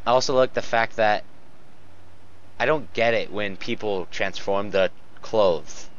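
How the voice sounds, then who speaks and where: This man's voice sits low and unhurried as he performs a comic reading of fan fiction, fumbling the text and mocking it as he goes. Laughter keeps interrupting him, and the home recording sounds dull and lo-fi.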